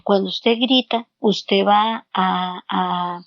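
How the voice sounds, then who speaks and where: A woman's voice: medium pitch, steady tone, extremely slow, creaky, no room sound. A woman guest giving counseling advice in an interview, explaining step by step and repeating words as she searches for them. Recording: dull lo-fi, dry sound.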